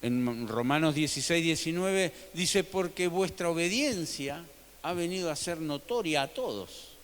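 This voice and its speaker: A man preaching a sermon as pastor, swinging between loud emphatic peaks and soft, low drops. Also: expressive, measured pace. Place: church sanctuary. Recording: long reverb of a church hall.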